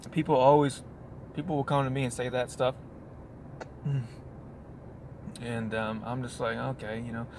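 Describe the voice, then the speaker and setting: A man in a plain mid-pitched voice rambles through a casual monologue from a parked spot on his work break, circling back on himself and tossing in asides. Faint noise hums underneath. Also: steady tone, a little slow, pauses often. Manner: meandering, full of restarts and "you know what I mean". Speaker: vlogger.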